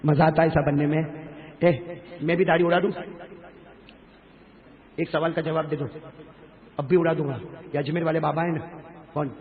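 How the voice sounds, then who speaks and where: A middle-aged man preaching a sermon to a large gathering, animated and calling on the crowd to answer aloud. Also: fairly high pitch, pauses often. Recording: reverberant hall, dull lo-fi sound.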